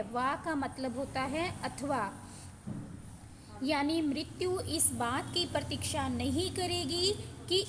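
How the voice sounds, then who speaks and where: A woman's voice: high-pitched, in a large hall, background noise. A woman teacher explaining verses line by line, patiently repeating each meaning and addressing the children.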